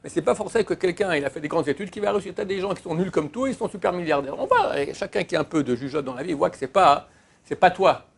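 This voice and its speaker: A man's voice: high voice, quick pace, gravelly, husky. A rabbi giving an emphatic Torah lesson in answer to a question, repeating his key words.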